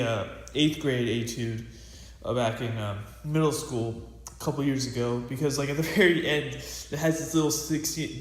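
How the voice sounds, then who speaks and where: A teenage boy giving a casual snare drum practice lesson, rambling with lots of fillers and restarts. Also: mid-range voice. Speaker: student percussionist. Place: practice room with a drum pad. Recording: echoey room with loud hiss.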